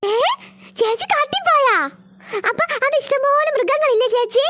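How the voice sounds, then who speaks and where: A woman's voice: extremely high pitch, normal speed, sharp tone. A woman voicing a small child in a cartoon who keeps asking its big sister questions. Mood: curious. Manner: asks endless questions. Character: small curious younger sibling.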